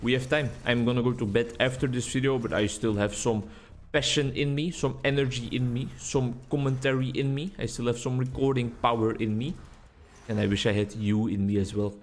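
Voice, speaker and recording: A man's voice: mid-range voice, steady tone, fairly quick, slight background noise. A Dutch man, a native Dutch speaker, giving rambling, chatty gameplay commentary in English on a desk mic. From Netherlands. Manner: rambling, chatty, self-deprecating. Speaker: gaming YouTuber.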